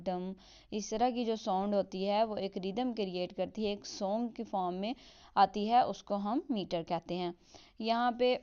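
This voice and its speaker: A woman explaining a literature lesson, mixing English terms into her Hindi and reading example lines slowly. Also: mid-range voice, warm tone, smooth, dull audio. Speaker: teacher.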